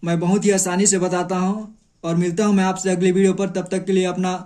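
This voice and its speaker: A man's voice: sits high, flat delivery, brisk, mellow. A man teaching how to read and write Hindi letters, patiently repeating each sound and syllable aloud. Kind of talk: slow step-by-step lesson.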